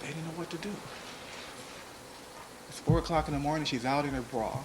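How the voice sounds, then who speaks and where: A man delivering a courtroom opening statement to a jury, speaking in a measured, deliberate way and repeating key phrases for emphasis. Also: on the high side. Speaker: trial prosecutor. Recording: noisy archival courtroom audio.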